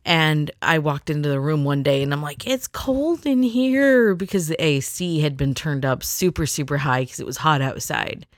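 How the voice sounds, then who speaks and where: A woman's voice: sits low, fairly even intonation, normal speed, few pauses, no echo, clean studio sound. A middle-aged woman telling a rambling personal story in a chatty, casual way, acting out the people she quotes.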